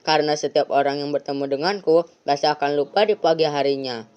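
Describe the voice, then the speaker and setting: A woman voicing a sinister gift-giving night visitor who speaks calmly and menacingly, on a lo-fi recording. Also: low voice, clear, resonant tone, close to an everyday voice. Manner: calm, menacing, slow. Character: sinister Santa-like night visitor who takes body parts. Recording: lo-fi, dull sound.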